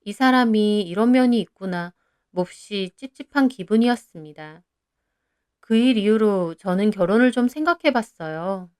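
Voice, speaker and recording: A young woman narrating her own story in the first person, in an even, confiding way. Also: mid-range voice, clean tone.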